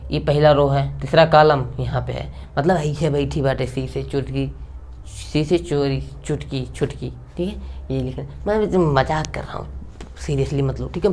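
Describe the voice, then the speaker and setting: A man's voice: on the high side, mellow. A young man teaching a math lesson at a board in a chatty, repetitive way, often checking in with his students and cracking jokes. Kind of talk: casual blackboard math lecture.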